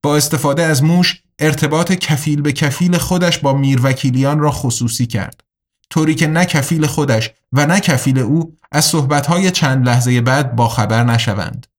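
A man reads a novel aloud in a measured, even storytelling way. His voice sits a little higher than most men's. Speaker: audiobook narrator. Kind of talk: audiobook narration.

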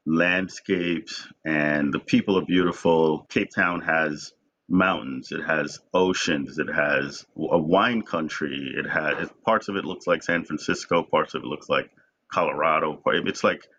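Deep-voiced man, reflective interview guest. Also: a little slow, fairly bright tone, a little hiss or hum. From Jamaica. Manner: reflective, repeats words when starting. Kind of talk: conversational interview. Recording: dull lo-fi sound.

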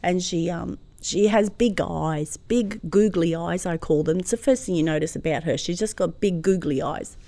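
A middle-aged woman with an Australian accent, a guest telling a personal story in an animated, warm way. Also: fairly low pitch, normal speed, few pauses, no echo.

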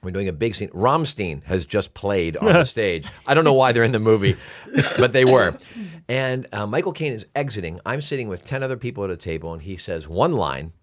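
A man in his fifties, an actor appearing as a guest, telling animated stories in a casual interview. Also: on the low side, fairly quick. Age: 50s. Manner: animated storyteller, lots of fillers and restarts.

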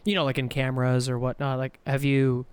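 A man's voice: medium pitch, completely flat delivery, fairly quick, clean tone, dry recording. A man co-hosting a casual podcast interview, rambling a little as he searches aloud for his question. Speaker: podcast co-host.

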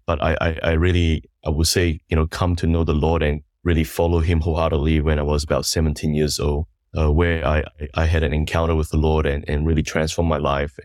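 Malaysian-born guy in his 30s, super deep flat voice, halting, dry close mic. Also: no echo. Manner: halting, many restarts and "you know". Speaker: worship ministry leader. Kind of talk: podcast interview, personal story.

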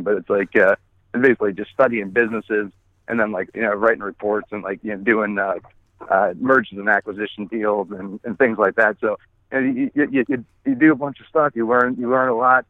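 A fairly low-pitched male voice comes through a tinny phone line, dry with no ambience. He's an app founder in his forties, a guest calling in while walking his dog, chatting casually with many restarts and frequent swearing.

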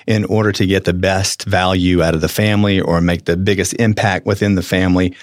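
A middle-aged man co-hosts a casual talk show in a radio studio, sounding earnest, often restarting sentences and laughing easily. His low voice is steady in tone and fairly quick, and the recording is dry.

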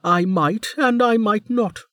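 A man voicing an ancient, imperious female warden who drawls and mocks, leaning slowly on certain words in an audiobook. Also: high-pitched, fairly bright tone, no room sound, pitched above the performer's own voice. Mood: sardonic. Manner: drawling, mocking, with slowed emphatic words. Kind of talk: audiobook character voice.

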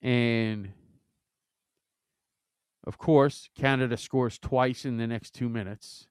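A man giving hockey analysis on a talk show, sounding exasperated and animated, with stammering restarts. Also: mid-range voice, slow pace, smooth, no room sound, studio quality. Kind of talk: casual sports chat.

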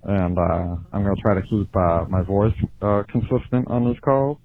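A man leaving a crude, rambling voicemail through a deep pitch-shifted voice changer. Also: moderate pace. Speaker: voicemail caller. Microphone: phone. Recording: tinny phone voicemail with faint hiss.

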